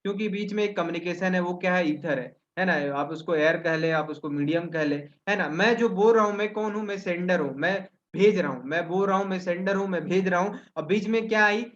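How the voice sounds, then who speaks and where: High-voiced man teaching over a webinar. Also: a little fast, few pauses, a bit bright, highs cut off. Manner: asks himself questions and answers them, with frequent "है ना?" tags. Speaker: webinar trainer. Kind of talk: explanatory teaching talk. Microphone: video call.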